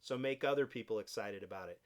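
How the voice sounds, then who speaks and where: A man teaching a design class, walking students through software steps in a relaxed, explaining way. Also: fairly low pitch, fast. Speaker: design instructor. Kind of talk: software tutorial.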